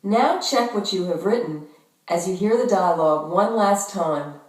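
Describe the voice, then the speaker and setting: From a distance in an echoey room, a woman with a medium-pitched, expressive voice reads the instructions for a language-course listening exercise. Her delivery is measured and instructional.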